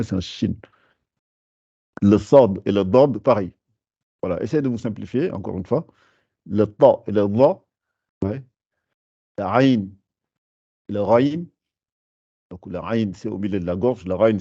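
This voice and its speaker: A man teaching a beginner language class, patiently repeating sounds slowly to show how they are pronounced. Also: fairly low pitch, vocal fry, mellow, breathy edge, no room sound, muffled recording. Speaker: Arabic teacher.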